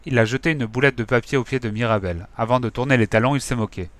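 A man reading a children's story aloud in a lively, expressive way. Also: mid-range voice, fast talker, dry recording. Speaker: storybook reader.

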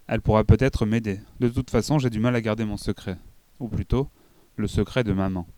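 A man reading a children's book aloud in an expressive storytelling manner. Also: fairly low pitch, fairly quick, no room sound. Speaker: audiobook reader. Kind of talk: scripted narration of a children's book.

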